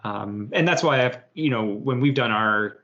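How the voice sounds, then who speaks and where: Man podcast co-host with a bright, forceful tone, relaxed and rambling. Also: mid-range voice, normal speed. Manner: relaxed, rambling advice with fillers. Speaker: podcast co-host and game master. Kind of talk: casual chat. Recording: dull lo-fi podcast audio.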